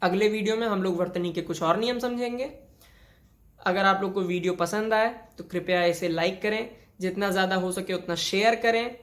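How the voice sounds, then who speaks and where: A woman teaching a grammar lesson, explaining each rule step by step and repeating it with many examples. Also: mid-range voice. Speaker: Hindi teacher. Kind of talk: classroom lesson on spelling.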